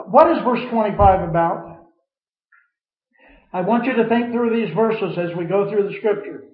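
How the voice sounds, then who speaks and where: A man with a high voice leads a Bible study. He quotes scripture and puts questions to the class in a preacherly way. The recording is dull and echoey, as if taken in a church room.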